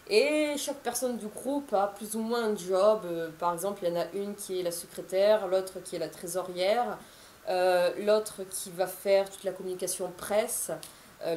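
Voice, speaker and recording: A woman's voice: medium pitch, darkish tone, roomy sound, a little hiss or hum. A woman in her thirties, an author, chatting to camera in a casual, rambling way with many fillers and restarts. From France. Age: 30s.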